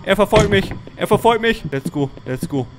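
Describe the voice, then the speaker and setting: A man doing let's-play commentary of a horror game, talking straight to his viewers, jumpy and quick to yelp and shout when startled. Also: high-pitched, animated, heavy background noise. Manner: keeps addressing viewers as friends. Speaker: gaming YouTuber.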